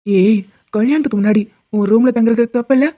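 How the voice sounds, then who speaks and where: A woman voicing a teasing, doting young husband in an animated cartoon who worries easily. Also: a little high, fairly quick, no room sound, highs cut off, close to an everyday voice. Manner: teasing, fussing, affectionate.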